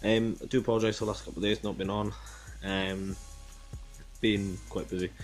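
A man gives a casual, halting, repetitive vlog update into a phone at arm's length in a room at home. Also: lowish voice, little pitch movement, soft background music. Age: 20s. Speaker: vlogger.

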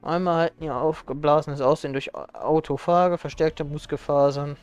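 Smooth, lightly high male vtuber streamer. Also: steady tone, normal speed, a little mellow, no room sound. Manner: vtuber-style streaming chatter, thinking aloud. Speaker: livestreamer playing a zombie game. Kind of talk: casual German let's play commentary.

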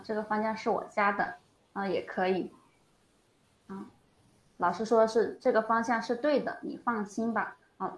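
A woman teaching a language lesson, explaining patiently and slowly with many drawn-out fillers. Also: mid-range voice, reverberant. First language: Chinese. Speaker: Chinese teacher.

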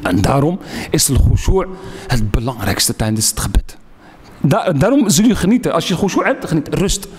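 A man's voice: on the high side, big pitch swings, normal speed, a little mellow, slightly rough, in a large hall. A man giving a sermon, emphatic, repeating key phrases and asking and answering his own questions. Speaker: speaker giving a religious lecture. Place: lecture hall.

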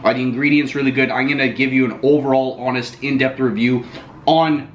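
A man's voice: medium pitch, steady tone, fairly quick, lo-fi sound, slight background noise. A young man casually reviewing packaged meals to camera, chatty and always calling his viewers guys. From Italian. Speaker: food vlogger. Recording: echoey room.

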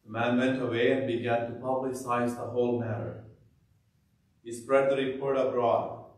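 A man serving as priest, reading the gospel and preaching at Mass in a slow, measured way, heard with cathedral echo. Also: mid-range voice, steady tone. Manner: slow, measured liturgical delivery. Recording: echoey church, mic far off.

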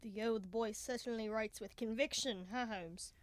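A woman's voice: on the high side, normal speed, no room sound, lightly acted. A woman playing a chatty, genial male doctor and sidekick in an old-style radio mystery, jaunty in manner. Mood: jaunty, curious. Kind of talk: 1930s radio mystery acting.

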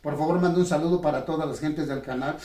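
A man's voice: fairly high pitch, steady tone, fast talker, dark tone, a little hiss or hum. A man hosts a ventriloquist comedy sketch. He speaks politely and moralizes as he scolds his puppet. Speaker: host and ventriloquist. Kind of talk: family comedy sketch with a lesson. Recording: roomy echo, far from mic.

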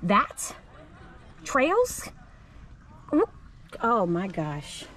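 A woman's voice: mid-range voice, wildly swooping pitch, extremely slow, pushed and bright, slight background noise. A middle-aged woman chatting straight to her viewers as she films herself on park trails. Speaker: vlogger. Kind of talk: casual vlog narration. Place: outdoor park trails by a spring. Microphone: handheld camera at arm's length.

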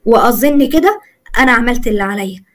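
A guarded young wife answers in short, restrained phrases with an Egyptian accent, voiced by a woman narrating the story. The voice is slightly high. The reading runs fast. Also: expressive, lightly acted. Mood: curt. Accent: Egyptian Arabic.

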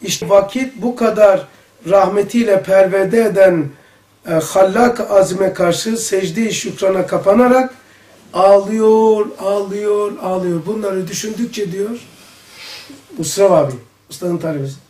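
A man teaching a religious study circle, talking in an animated way with exclamations and rhetorical questions. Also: high-pitched, normal speed. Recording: echoey room, voice from a distance.

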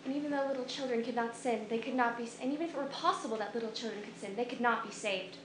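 A woman's voice: a little high, rapid-fire. Woman reciting scripture, echoey room, lots of background noise.

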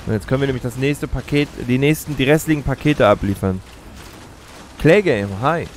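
This let's play host, a man in his thirties, talks through his game in an explanatory, conversational manner. His medium-pitched voice moves at a moderate pace, picked up by a close streaming mic at his gaming chair indoors, with a little hiss or hum.

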